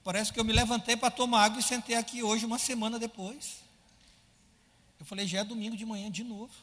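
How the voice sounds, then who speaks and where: A man preaching a sermon as pastor, animated, firing rhetorical questions at his congregation and acting out his listeners' complaints. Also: high voice, quick pace, in a large hall.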